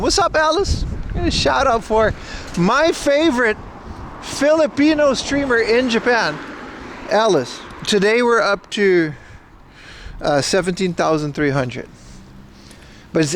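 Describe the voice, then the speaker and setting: A man with a high voice chats casually during a walking livestream outdoors in the city, reading chat aloud and joking with exaggerated outrage. There's slight background noise.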